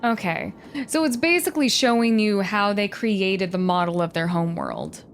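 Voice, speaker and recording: A woman hosting a let's-play, thinking aloud with curiosity as she narrates her moves, sometimes dropping to a hush. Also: medium pitch, sing-song, moderate pace. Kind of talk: casual gameplay commentary. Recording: faint game music behind.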